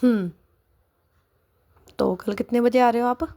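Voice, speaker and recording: A woman's voice: a little high, steady tone, unhurried, warm tone, voice pushed up. Woman voicing a caring, attentive young woman. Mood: gentle.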